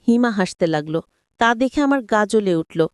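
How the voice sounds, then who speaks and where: A woman's voice: medium pitch, expressive, normal speed, clear, resonant tone, no room sound, clean studio sound. A woman narrating a first-person story and addressing her listeners directly.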